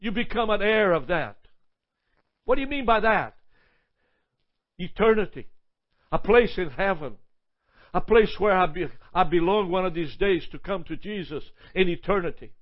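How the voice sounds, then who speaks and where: A man's voice: high voice, animated, moderate pace, pauses often, highs cut off. A man preaching a sermon, listing points emphatically, often stumbling and repeating words.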